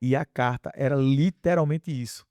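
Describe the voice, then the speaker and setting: A man giving a casual faith testimony on a podcast, telling his story with lively acted-out dialogue. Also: medium pitch, moderate pace, dry recording. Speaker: podcast guest.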